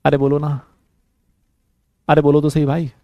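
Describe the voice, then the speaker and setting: A man's voice: fairly high pitch, measured pace, dry recording, muffled recording. A male chemistry teacher giving a classroom lecture. He checks with the class after nearly every sentence, coaxes students to answer, and jokes with them along the way. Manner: lively, joking teacher banter.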